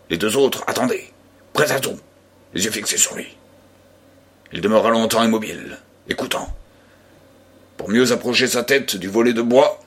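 A man reading a classic short story aloud in measured, unhurried narration. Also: on the low side, fairly bright tone, breathy edge. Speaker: audiobook reader.

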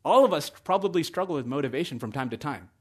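A man preaching a sermon in a conversational way that builds to excited emphasis. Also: fairly high pitch, fast talker, slightly rough.

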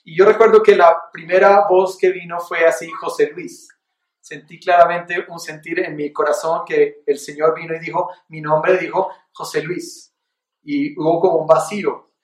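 High-voiced male pastor in an echoey room. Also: steady tone, far from the mic. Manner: earnest, reflective storytelling, slow emphatic phrasing when teaching. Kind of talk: sermon, personal testimony then teaching.

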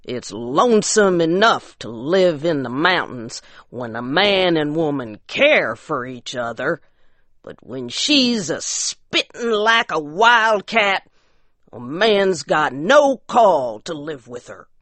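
A mournful, worn-down poor mountain husband, as a woman reading a storybook puts him on. He speaks slowly in plain rustic backwoods talk, with a slightly raised, lively voice. The sound is dry and close. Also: low voice, dry recording, exaggerated voice.

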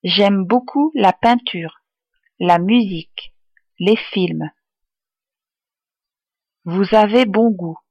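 Very slow, careful French tutor woman. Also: medium pitch, a little mellow, no echo. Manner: clear, careful, deliberate enunciation. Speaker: language tutor. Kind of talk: slow phrase-list reading for learners.

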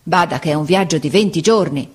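Woman reading gruff boss guy, curt, few words, storybook. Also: deep voice, brisk. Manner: curt and dry, softening slightly. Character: tall gruff mustached caravan boss man.

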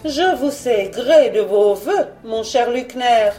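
A woman's voice: on the high side, animated, takes it slowly, dark tone, roomy sound, faint music behind. A woman doing an icy elegant villainess. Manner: dry, implacable, ironic. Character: cold scheming female villain, elegant.

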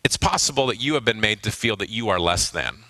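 A middle-aged man, a pastor, preaching a sermon to a congregation in a church, pausing for emphasis and dropping low on key words. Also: expressive, bright, forceful tone.

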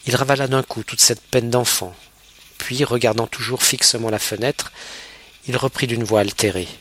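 A man narrating a classic novel as an audiobook in a measured, even reading. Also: medium pitch.

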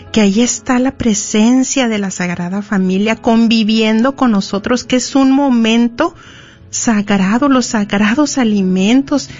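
Lady giving a church marriage talk, acts out scenes, kinda muffled audio w soft music. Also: medium pitch. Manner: conversational, acts out little scenes. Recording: dull lo-fi sound with faint music.

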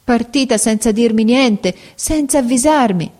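A woman's voice: on the high side, a little slow, dark tone, voice pushed up. A woman doing a frightened young servant girl, pleading. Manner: pleading, anxious.

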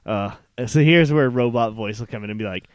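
A man's voice: medium pitch, fast talker, clean tone, dry recording, studio quality. Rambling young man telling a story. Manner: rambling storyteller, many fillers. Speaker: podcast co-host. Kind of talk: casual chat.

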